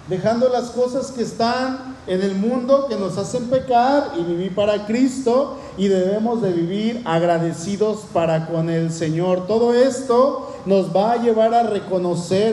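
Preacher with a high, mellow voice. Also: male voice, slight background noise. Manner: earnest, asks the congregation questions. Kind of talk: sermon. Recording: echoey room.

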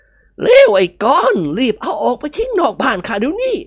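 Woman doing a gruff scolding old nobleman. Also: high voice, wildly swooping pitch, brisk, pitched above the performer's own voice, heavily acted. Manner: stern, barking orders.

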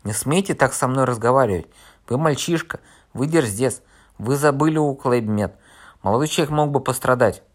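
A fat, pompous official scolds at full volume, his voice pushed up high and loud, as a male audiobook reader puts him on. He is outraged and bureaucratic, threatening written complaints in a storybook reading. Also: normal speed, lightly acted.

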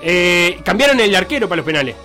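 A man's voice: sits high, fast talker, faint music behind. A man with a Rioplatense Spanish accent, co-hosting a comedic sports talk show in a playful, jokey way. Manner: playful, jokey, animated storytelling. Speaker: co-host.

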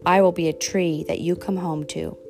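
A patient mother rabbit from a picture book, calm and steady as she reassures her child, voiced by a woman reading aloud. Her voice is low and gravelly. Faint music plays in the background. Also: normal speed. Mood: tender.

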